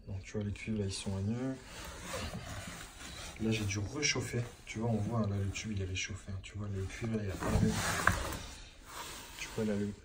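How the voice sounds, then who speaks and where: A man working as a plumber, explaining his job in a casual, informal way and constantly checking that the viewer is following along. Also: fairly low pitch. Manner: chatty and informal, keeps saying "tu vois" to the viewer. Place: indoor building site under renovation. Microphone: phone held in hand while working. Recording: noisy handheld phone recording on a work site.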